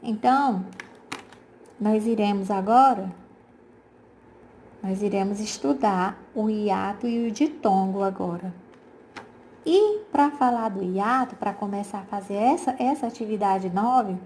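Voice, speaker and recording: A woman's voice: medium pitch, measured pace, darkish tone, slight background noise. A Brazilian woman teacher explaining a grammar exercise to her pupils in a recorded lesson, patient and repetitive, often checking in with her class and using fond diminutives. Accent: Brazilian Portuguese. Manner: addresses pupils as "gente", uses diminutives.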